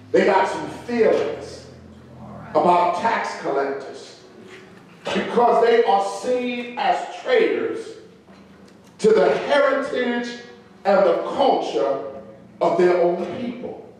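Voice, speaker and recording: A middle-aged male pastor preaching a sermon from the pulpit into a handheld microphone, slow and measured with lilting emphasis. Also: high voice, a little mellow. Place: large church sanctuary. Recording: very echoey church hall.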